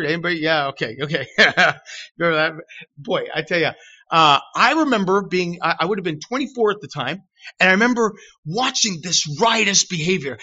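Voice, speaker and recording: A middle-aged man preaching a sermon in church, animated and self-deprecating, acting out shouted quotes. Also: high-pitched. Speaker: pastor. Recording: dull lo-fi recording.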